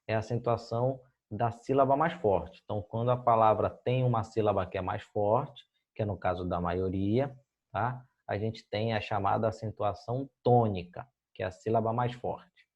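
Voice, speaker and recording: A man's voice: lowish voice, steady tone, moderate pace, darkish tone. Patient teacher man, dull lo-fi sound. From Brazil. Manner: explains patiently, ends phrases with "tá?" and "beleza, gente?". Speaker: school Spanish teacher. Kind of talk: recorded video lesson.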